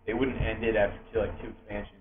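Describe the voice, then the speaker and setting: A mid-pitched man leading a laid-back gaming podcast, cursing casually as he talks. His voice comes through thin and phone-like, echoing around the room. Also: quick pace, a little hiss or hum. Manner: relaxed, casual, swears. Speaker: podcast host. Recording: echoey room, phone-like audio.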